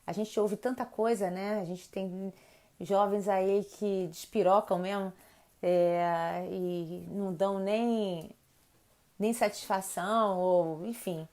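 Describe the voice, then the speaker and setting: A woman's voice: mid-range voice, takes it slowly. A woman in her forties with a Brazilian accent, a mother hosting a live stream about teenagers and chatting casually with viewers, acting out quoted dialogue as she tells stories. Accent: Brazilian Portuguese. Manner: lively storyteller who acts out quoted dialogue.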